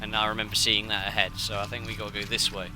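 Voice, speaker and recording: A man's voice: lowish voice, little pitch movement, fast, noisy background. A man commenting casually on a game as he plays, in an offhand, wry way. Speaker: gamer playing and commenting.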